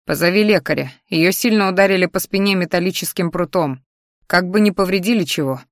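A woman's voice: fairly low pitch, fairly quick, dry recording, studio quality, natural voice. A woman voicing a protective young man who speaks curtly and growls when flustered. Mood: caring. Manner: growling, curt.

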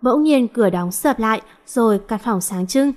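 A woman's voice: a little high, lively intonation, moderate pace, darkish tone. A woman reading a first-person story aloud, voicing the characters' lines with small lifts in her voice.

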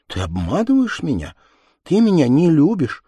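Young woman, hurt and accusing, high and loud, as a male reader puts her on; dry storybook sound. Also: huge pitch swings, moderate pace, breathy edge, no echo, full character voice.

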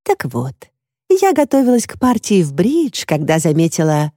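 Nosy gossipy neighbour lady, read by a woman, confiding tone, low dark voice. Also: wildly swooping pitch, moderate pace, no room sound, studio quality.

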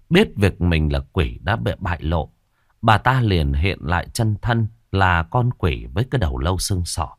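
Man telling a ghost story, low husky voice, very animated, dramatic, suspenseful. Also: dry recording, clean studio sound.

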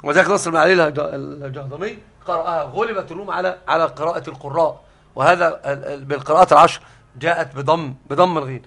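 A man's voice: on the high side, fast talker, a bit bright. A man teaching a scholarly religious lesson, explaining the text step by step. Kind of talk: scholarly lesson on Quran readings.

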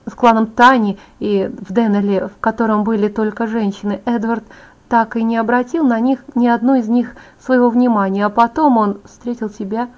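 A proud young vampire woman from an audiobook, vain and quietly bitter, voiced by a woman narrator. She speaks softly and confidingly, in a slightly high voice. The recording sounds dull and lo-fi. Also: fairly even intonation, moderate pace, lightly acted.

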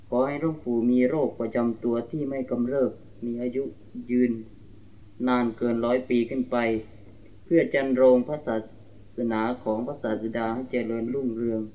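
A man reading a letter aloud in a steady, formal way. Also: mid-range voice. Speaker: reader of a disciple's letter. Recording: distant, tinny lo-fi archival tape.

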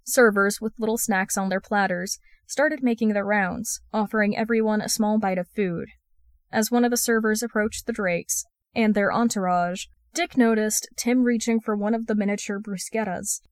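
A woman reading a fan fiction story aloud as a podfic, in an even storytelling read. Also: medium pitch, dry recording, clean studio sound. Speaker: podfic reader.

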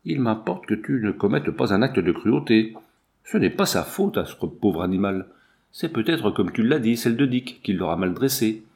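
A man's voice: fairly low pitch, very animated, moderate pace, a little mellow. A man voicing an earnest, brave younger brother. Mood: earnest, defiant. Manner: pleading, then defiant.

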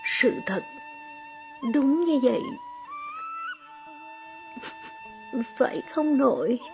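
A woman's voice: sits high, wildly swooping pitch, a little slow, vocal fry, pitched above the performer's own voice, full character voice. A woman voicing a tearful young girl. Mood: pleading. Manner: choked, sobbing. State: crying. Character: young granddaughter, tearful and hurt. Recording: slightly dull recording, soft music behind.

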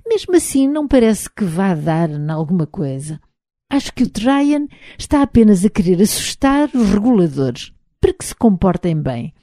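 A woman with a European Portuguese accent voicing a calm, affectionate Scottish husband in an audiobook, speaking softly and unhurriedly. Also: mid-range voice, normal speed, no room sound, studio quality, close to an everyday voice. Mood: reassuring.

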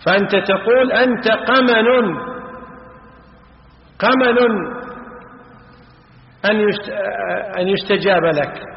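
High-voiced man teaching grammar in an echoey hall. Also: slow, pauses often. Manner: drills examples, quizzing students with questions. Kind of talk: classical Arabic grammar lesson. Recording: echoey hall, dull lo-fi sound.

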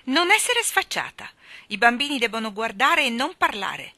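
A woman voicing a stern, domineering old spinster who scolds in a booming voice. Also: very animated, normal speed, sharp tone, no room sound, exaggerated voice. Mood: scolding.

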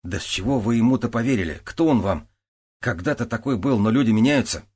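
A man's voice: mid-range voice, animated, brisk, a little mellow, breathy edge, voice pushed up. A man doing a stubborn, defensive young lieutenant. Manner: terse, defensive. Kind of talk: audiobook character voice.

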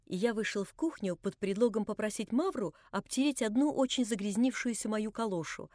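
A woman reading a novel aloud as scripted narration, measured and even. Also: medium pitch, no room sound, studio quality. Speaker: audiobook reader.

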